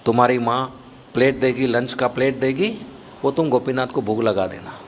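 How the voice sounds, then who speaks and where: A man voicing a devoted father who calmly instructs his young son. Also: medium pitch, normal speed, a little hiss or hum, pitched below the performer's own voice, lightly acted. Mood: instructing.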